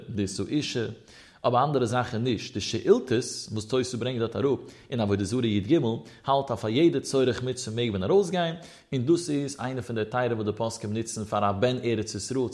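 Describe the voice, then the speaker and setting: A man's voice: medium pitch, darkish tone. A man teaching a religious law lesson, citing sources in a rising and falling cadence. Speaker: Torah teacher.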